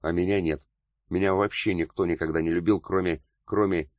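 A man's voice: deep voice, fairly even intonation, brisk, no echo, studio quality, natural voice. A man voicing a distraught, hurt young man in an audiobook, with a choked, tearful delivery.

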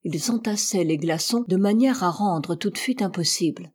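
A woman reading a classic adventure novel aloud in a steady, measured narration. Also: fairly low pitch, breathy edge. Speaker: audiobook reader.

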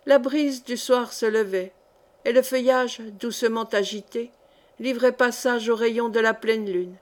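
A woman reading a historical novel aloud as an audiobook narrator, measured and expressive. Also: on the high side. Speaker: audiobook reader. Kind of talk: scripted narration.

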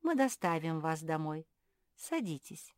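A woman voicing a calm, commanding male bat king in a storybook reading. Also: low voice, unhurried, no echo, studio quality. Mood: regal.

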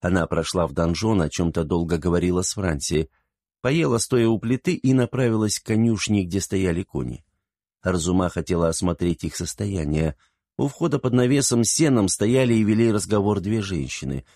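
A man narrating an audiobook in an even, measured reading. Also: deep voice, dry recording, studio quality. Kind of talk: scripted narration.

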